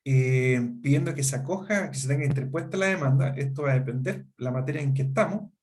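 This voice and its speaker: Speaking fairly quickly in a mid-range, darkish voice, a middle-aged Chilean man teaches a law seminar with a Spanish accent. He lays things out and frequently checks, rhetorically, whether his students follow.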